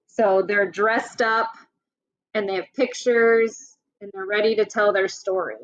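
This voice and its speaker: The voice belongs to a woman teacher, medium-pitched with fairly even intonation, reading a picture book to young children and patiently asking them questions along the way. Her pace is slow, and the audio lacks high frequencies.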